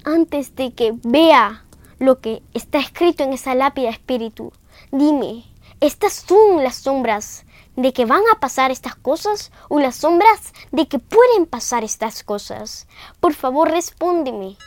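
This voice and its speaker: A woman's voice: high voice, expressive, measured pace, dry recording. A female storyteller playing an old miserly man who keeps pleading with a spirit. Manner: pleading, repeating requests.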